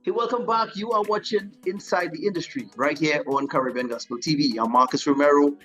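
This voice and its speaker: A man's voice: on the high side, brisk, pushed and bright, faint music behind. A man hosting a gospel TV interview show, upbeat and chatty, laughing between his questions. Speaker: TV show host.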